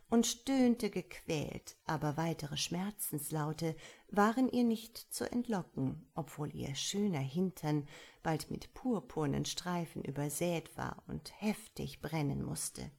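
A woman narrating a story as an audiobook reader in a calm, measured way. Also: low voice, gravelly, slightly rough.

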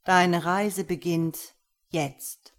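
A woman's voice: fairly low pitch, steady tone. A woman voicing a stern, commanding dominant man. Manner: cold, measured commands.

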